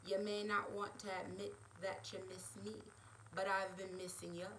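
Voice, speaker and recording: A woman reading the lines of a smooth, teasing, charming Irish man in a romance story. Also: mid-range voice, flat delivery, moderate pace, a bit bright, slight background noise, close to an everyday voice, poor audio. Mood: tender.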